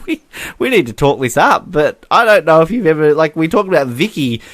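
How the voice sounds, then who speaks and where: A young man co-hosting a podcast in casual chat, animated and laughing, full of fillers. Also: a little high, fairly quick, no room sound. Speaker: podcast co-host.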